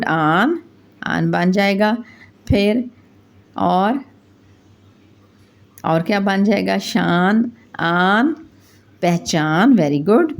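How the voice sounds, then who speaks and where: A woman's voice: on the low side, darkish tone. A woman teaching young children, patiently asking questions and answering them step by step. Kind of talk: classroom lesson for young children.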